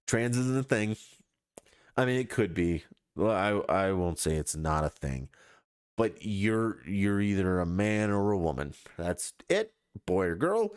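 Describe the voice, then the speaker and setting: A man's voice: on the low side, no room sound, clean studio sound. Blunt, profane male podcast host. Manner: blunt, profane and scoffing, with mocking quoted asides. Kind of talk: casual opinion monologue.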